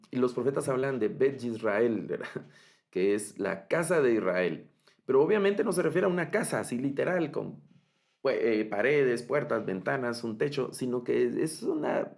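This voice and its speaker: A man's voice: medium pitch, lively intonation, moderate pace, gravelly, darkish tone. A man teaching a Bible Hebrew master class, explaining step by step and often checking in with his students. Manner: explains step by step, frequent fillers and restarts, checks understanding. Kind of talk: online master class lecture.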